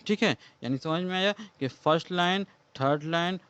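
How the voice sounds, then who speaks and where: A man's voice: high-pitched, normal speed, fairly bright tone, smooth, dry recording. A man teaching a poem as a lesson, explaining it step by step and answering his own questions. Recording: dull lo-fi sound.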